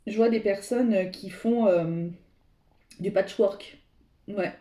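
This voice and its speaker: Slow and dark-toned, a mid-range female voice delivers a tarot reading to viewers. She meanders as she talks to them directly, often searching for words, and the room adds a noticeable echo.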